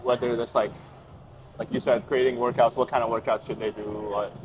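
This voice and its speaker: A man's voice: medium pitch, flat delivery, fairly quick, rough recording. A young adult man hosting a casual chat, speaking informally and conversationally as the interviewer. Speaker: interviewer and host.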